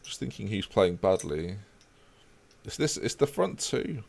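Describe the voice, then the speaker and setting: A man with a lowish, gravelly voice speaks at a measured pace, chatting casually with his live-stream audience. He's relaxed and talkative, keeping up with chat as he plays a football management game.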